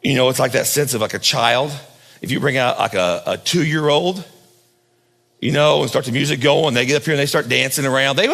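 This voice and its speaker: A pastor preaching a sermon at a pulpit microphone, swinging from loud high emphasis down to low hushed lines. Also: male voice, gravelly, in a large hall.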